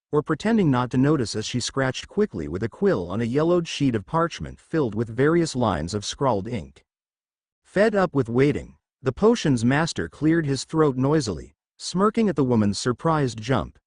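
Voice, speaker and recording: Man narrating a story with lively pitch. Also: dry recording, studio quality.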